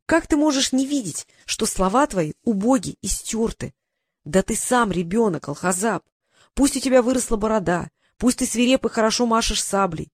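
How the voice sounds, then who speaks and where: A cheeky young apprentice mage, voiced by an audiobook reader, lecturing his enemy with sarcastic scorn. The voice is pitched up and lively. The recording is close and dry. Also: moderate pace, no echo.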